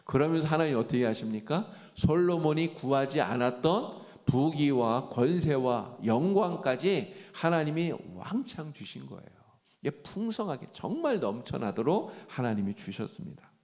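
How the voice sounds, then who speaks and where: A man pastor preaching a sermon in a church, animated and acting out quoted speech. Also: medium pitch, normal speed. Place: church sanctuary. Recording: church hall reverb.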